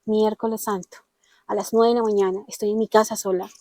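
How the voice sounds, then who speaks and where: A woman's voice: medium pitch, level tone, a little fast, mellow, dry recording. A woman with a Colombian accent giving an earnest personal testimony, often acting out the dialogue she quotes. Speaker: interviewee telling her testimony.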